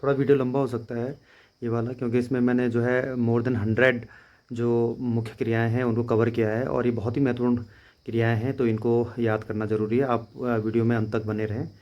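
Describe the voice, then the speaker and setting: A man teaches English verb forms in a steady, drilling way, spelling words out letter by letter. His voice is mellow and rather flat in pitch. The recording sounds dull and lo-fi. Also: fairly quick. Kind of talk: vocabulary lesson.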